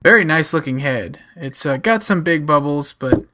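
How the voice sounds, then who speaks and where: A man co-hosting a beer review, describing a beer's look and smell in an easygoing, pausing way. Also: a little high, expressive, noisy background. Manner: easygoing, describing aromas with pauses. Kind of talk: casual tasting review.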